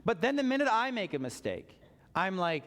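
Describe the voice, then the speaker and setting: A man's voice: sits high, sing-song, normal speed, a bit bright. A man preaching a sermon as pastor, talking in a conversational way and joking with his congregation. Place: church sanctuary. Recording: long church reverb.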